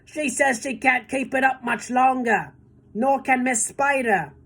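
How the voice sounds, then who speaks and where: A woman voicing a bossy male centipede who frantically yells orders. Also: sits high, measured pace, gravelly, breathy edge, pitched above the performer's own voice, heavily acted. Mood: yelling.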